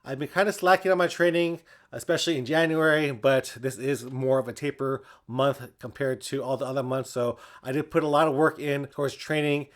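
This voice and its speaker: A man's voice: medium pitch, steady tone, a little fast, few pauses. A man chatting casually to his viewers as a running vlogger. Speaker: running vlogger and channel host.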